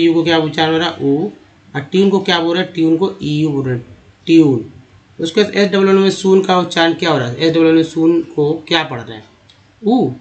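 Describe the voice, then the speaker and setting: A man's voice: a little high, dull audio. Hindi-speaking man teaching English reading. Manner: explains step by step, asks and answers his own questions; sounds out words slowly, drawing out vowels. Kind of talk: spoken lesson on reading English.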